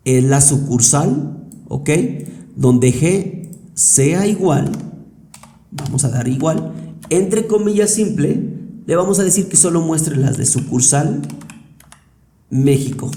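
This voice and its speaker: A man's voice: fairly high pitch, dark tone. A man with a Mexican Spanish accent giving a patient, step-by-step spreadsheet tutorial over a screen recording, often asking rhetorical questions. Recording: roomy echo.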